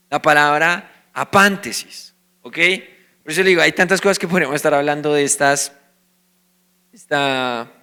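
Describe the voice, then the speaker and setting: A man's voice: a little high, pushed and bright, clear, resonant tone. A man with a Colombian accent preaching a sermon as a pastor, explaining scripture and asking his listeners questions that he then answers himself. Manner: teaching, asks the congregation questions and answers them.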